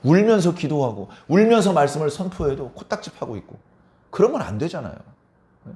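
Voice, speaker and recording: A man's voice: on the high side, very animated, brisk, warm tone. A middle-aged male pastor preaching a Sunday sermon in a church, pressing his listeners with repeated rhetorical questions. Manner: emphatic, keeps prodding listeners with rhetorical questions.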